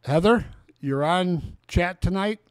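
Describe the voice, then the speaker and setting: A man's voice: high-pitched, slow, clear, resonant tone, dry recording. A man of sixty hosting a casual, rambling chat with a guest. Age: 60s. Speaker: host.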